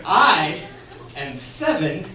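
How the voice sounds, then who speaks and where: A young man from Texas telling a funny personal story on stage at a bar, animated and laughing as he goes. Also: high voice, drawn-out words. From San Antonio, Texas. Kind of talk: comic personal story told live. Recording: echoey room recording from far off, noisy.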